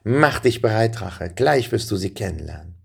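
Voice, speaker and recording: A man voicing a brave, hopeful young boy riding a dragon in a storybook, with a gravelly voice and eager calls. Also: fairly low pitch, expressive, moderate pace, heavily acted. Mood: reassuring.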